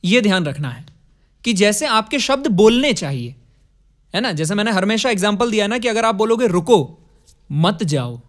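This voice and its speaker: A man's voice: sits high, a bit bright. A man teaching music, explaining rhythm with counted beats and short sung phrases. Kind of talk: music lesson with sung examples.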